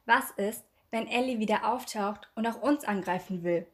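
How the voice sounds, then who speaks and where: A woman's voice: mid-range voice, moderate pace, fairly bright tone, natural voice. A woman reading aloud and voicing an anxious, emotional teenage girl in a storybook, her voice slightly raised and tense. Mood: worried.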